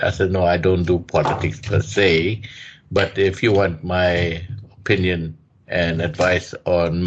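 A man co-hosting a radio talk show, speaking in a measured, hesitant way with many fillers. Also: sits low. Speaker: radio co-host. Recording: dull lo-fi radio sound.

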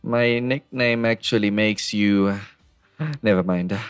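A man's voice: on the low side, a little slow, smooth, no echo, soft background music. A young man with a Zimbabwean accent co-hosting a casual podcast chat, full of playful, boastful banter. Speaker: podcast co-host.

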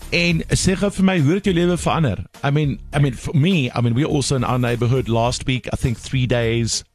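A man's voice: mid-range voice, brisk, soft background music. A South African man hosting a radio phone-in, chatting casually and emphatically, switching between English and Afrikaans. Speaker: radio talk show host. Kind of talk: casual bilingual phone-in chat.

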